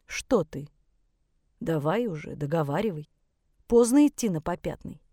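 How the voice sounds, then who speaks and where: A woman's voice: on the low side, expressive, unhurried, dark tone, no echo, clean studio sound, pitched below the performer's own voice. A woman voicing a bitter, contemptuous teenage boy in an audiobook. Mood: scornful. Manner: sneering, contemptuous. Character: bitter scornful teenage boy, angry and rude.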